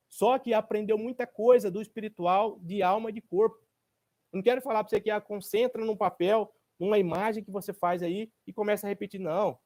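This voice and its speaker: A man's voice: sits high, darkish tone. A man, a therapist giving a workshop talk to an audience. He speaks emphatically and colloquially, firing rhetorical questions, answering them himself and repeating his points for stress.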